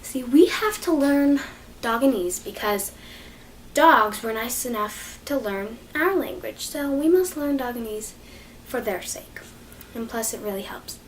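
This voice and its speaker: A woman's voice: a little high, animated, unhurried. Young woman, dog training vlog, rambling and self-deprecating, slightly distant mic, faint background noise. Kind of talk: casual unscripted vlog.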